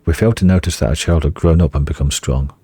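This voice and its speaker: A man's voice: very deep voice, fast talker, warm tone, husky, no room sound, exaggerated voice. A man reading the lines of a stern older regent of a noble house in a game, grave and formal.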